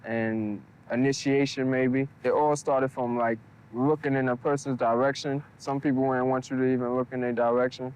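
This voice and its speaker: A young man recounts his experiences in an interview. His voice is smooth and clear, and he keeps it even and unhurried. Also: medium pitch, low-quality recording. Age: 20s. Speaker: interviewee, local resident. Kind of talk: documentary interview.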